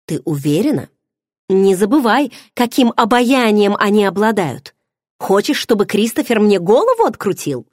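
Young heroine being cagey, lady narrator doing her lines, lively tune, dry close sound. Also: mid-range voice, moderate pace, dry recording, pitched above the performer's own voice. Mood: guarded. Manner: hesitant, restrained replies. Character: young heroine, guarded, a bit exasperated.

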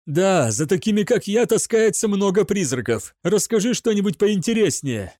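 A man voicing a frightened young male cadet who stammers and shouts in panic. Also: sits high, sing-song, moderate pace, dry recording, clean studio sound, voice pushed up. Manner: panicky outbursts.

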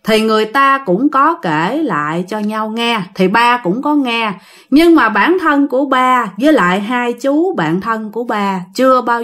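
A woman telling a family ghost story in a conversational way, speaking to her listeners. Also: on the high side.

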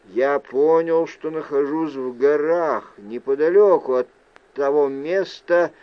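Slow, measured male audiobook narrator. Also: on the high side, clean tone, dry recording, dull audio. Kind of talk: scripted narration.

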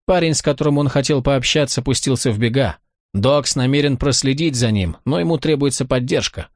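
A male reader plays a brisk female officer in an audiobook. She skips pleasantries and talks in a curt, businesslike way. The sound is dry and close. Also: mid-range voice, no room sound, natural voice. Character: brisk female police officer, narrator's sister.

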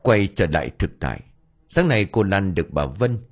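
A man narrating a ghost story for an audiobook in an expressive, dramatic storytelling manner. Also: low-pitched, moderate pace, slightly rough. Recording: narration over faint background music.

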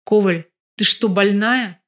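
A woman voicing a crude, slow-witted young male thug in an audiobook, blunt and rough. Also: mid-range voice, lightly acted. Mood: gruff.

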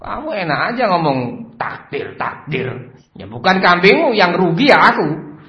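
A man voicing a rich male livestock owner who scolds his servants in a loud, indignant voice. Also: on the high side, very animated, a little slow, vocal fry, exaggerated voice. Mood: furious. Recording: roomy, slightly dull recording with faint noise.

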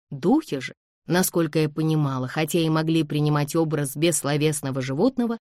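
A woman narrating an audiobook in a measured storytelling manner. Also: sits low, darkish tone, no echo, studio quality.

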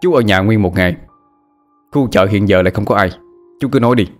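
A man voicing a young man who coaxes and persuades in a respectful, low-key way. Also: fairly quick, soft background music, lightly acted. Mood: coaxing. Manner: coaxing, respectful.

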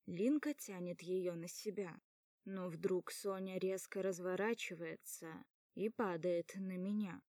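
A woman narrating an audiobook in a steady storytelling manner. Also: mid-range voice, no room sound, studio quality.

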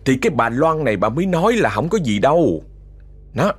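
A man's voice: medium pitch, sing-song, a little fast, slightly rough, soft background music. A man with a Southern Vietnamese accent telling a ghost story in a chatty way, often speaking straight to his listeners. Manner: chatty, addresses listeners directly. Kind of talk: told horror story.

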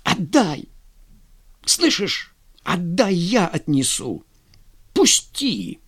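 A man's voice: high-pitched, sing-song, takes it slowly, fairly bright tone, pitched above the performer's own voice, exaggerated voice. A man reading a story, voicing an impulsive young cadet who stammers and pleads breathlessly. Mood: desperate pleading.

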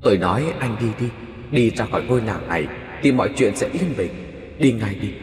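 A man's voice: lowish voice, expressive, moderate pace, echoey room, big-room sound, faint music behind, natural voice. A man voicing a menacing female ghost who hisses threats through her teeth in a spoken horror story.

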